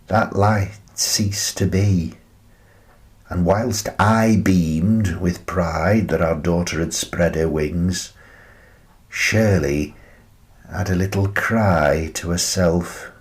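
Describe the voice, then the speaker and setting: Fond and nostalgic in mood, a male actor with a low voice takes the role of a wistful grandfather in his sixties who used to teach. His radio play monologue is reflective and measured, with pauses between phrases as he tells his story.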